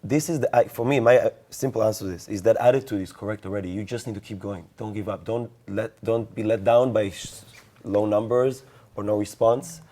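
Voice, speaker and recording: Deep warm-toned guy on a panel cheering someone on, keeps restarting sentences. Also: fairly even intonation, fairly quick. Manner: encouraging, restarts mid-sentence. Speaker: social media influencer on a panel. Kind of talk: advice at a panel talk.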